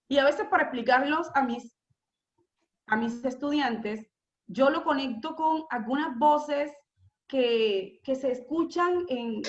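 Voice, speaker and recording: A woman teacher giving a classroom lecture, explaining patiently, repeating key terms slowly and asking rhetorical questions. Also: sits high, slight background noise. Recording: echoey room, slightly dull lo-fi sound.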